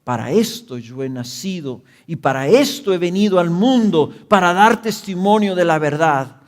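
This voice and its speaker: A man reading the words of a calm man on trial in a scripture reading, in a measured, solemn way. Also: high-pitched.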